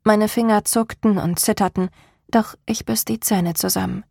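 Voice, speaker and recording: Woman, audiobook narrator, first person, gravelly, husky, dry close sound. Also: medium pitch, fairly even intonation, normal speed, warm tone, no room sound.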